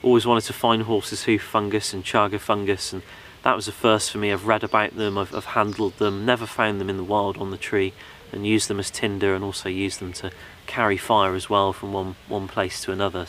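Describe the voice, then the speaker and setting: Young male outdoor host, low voice, loose rambling delivery, faint forest ambience behind. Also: a little hiss or hum. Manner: relaxed, rambling, many ums and you knows. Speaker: bushcraft channel host. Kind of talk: casual gear review.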